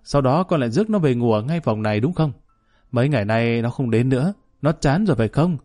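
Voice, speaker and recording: A man voicing a cold, blunt middle-aged mother who speaks in a flat, even, dry delivery. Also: medium pitch, fast, natural voice. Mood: cold steady.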